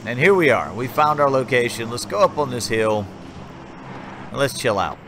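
A man's voice: mid-range voice, expressive, moderate pace, background noise. A man casually talking viewers through his gameplay footage in a rambling, chatty play-by-play. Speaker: gaming channel host. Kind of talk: casual gameplay commentary voice-over.

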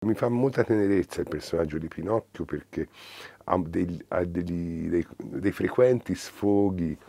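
A man talks thoughtfully in an interview and pauses often to find his words. His voice is deep and gravelly with a husky edge. The sound is close and dry. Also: mellow, no room sound. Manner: thoughtful, halting, with many fillers. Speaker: audiobook reader and interviewee. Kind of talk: reflective interview and expressive reading.

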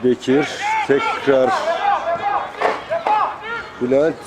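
A man's voice: mid-range voice, level tone, extremely slow. Male football commentator with crowd behind. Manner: clipped phrases, calling out player names. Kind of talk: live football play-by-play commentary. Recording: crowd noise, outdoor amateur match. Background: outdoor crowd.

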